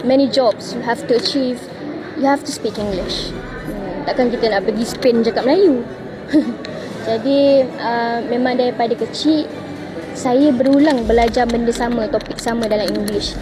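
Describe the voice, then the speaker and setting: A woman's voice: fairly high pitch, moderate pace, a crowd in the background, poor audio. A Malaysian woman speaking casually in an interview, switching between Malay and English in an encouraging way. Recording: music playing under the voice.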